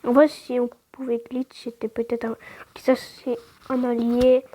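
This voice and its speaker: Excitable stammering woman gamer. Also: a little high, a little slow. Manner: stammers, restarts words; excitable outbursts, slangy. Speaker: gaming channel host. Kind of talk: casual gameplay commentary.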